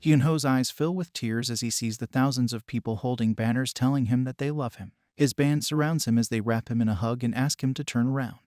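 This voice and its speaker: A man narrating a comic story recap in a steady scripted way, with brief personal asides. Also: mid-range voice, brisk, few pauses, no room sound, clean studio sound.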